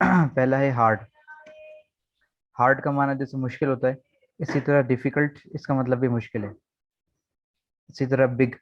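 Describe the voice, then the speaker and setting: A man's voice: mid-range voice, no echo. A man teaching an online vocabulary lesson over a video call, explaining step by step and often checking in with "okay". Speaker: English teacher. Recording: dull, dry video call audio.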